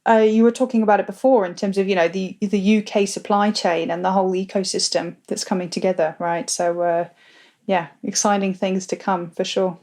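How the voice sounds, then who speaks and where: A woman's voice: medium pitch, fairly even intonation, fairly quick, a little mellow. A woman co-hosting a podcast, chatting casually with lots of fillers and easy laughs. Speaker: podcast co-host. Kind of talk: casual chat.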